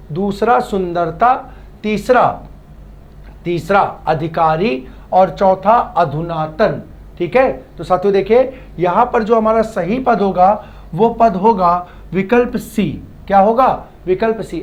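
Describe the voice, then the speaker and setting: A man's voice: high voice, lo-fi sound. A male teacher working through exam practice questions, often asking a question back and repeating the answer, stretching out key syllables. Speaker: Hindi exam-prep teacher. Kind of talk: classroom-style lesson.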